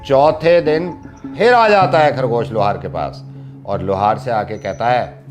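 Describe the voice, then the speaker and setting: A man's voice: lowish voice, unhurried, a little mellow, soft background music. A man playing a radio prank, chatting and telling a teasing story to a caller. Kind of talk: playful radio prank call.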